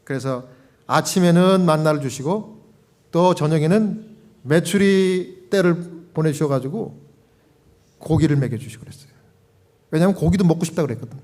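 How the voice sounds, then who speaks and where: Pastor guy preaching, high voice, keeps asking the congregation stuff and acting out prayers. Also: moderate pace, long pauses, a little mellow. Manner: explains with questions to the congregation, acts out prayers. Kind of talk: sermon.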